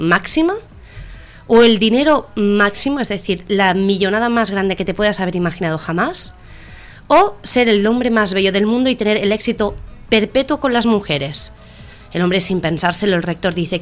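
Animated woman telling jokes. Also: medium pitch. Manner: animated storyteller, voices the characters in her jokes. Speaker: radio comedy co-host. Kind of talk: casual joke telling.

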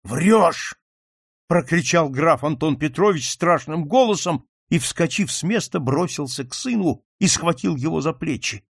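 Expressive male audiobook narrator, lively pitch. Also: moderate pace, creaky, few pauses, husky, no room sound, clean studio sound. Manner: expressive storytelling.

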